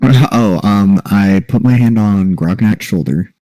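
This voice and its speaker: A man's voice: lowish voice, slow pace, warm tone, dry recording, poor audio. A man playing in a tabletop game, laid-back and casual, swearing and laughing often. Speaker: player.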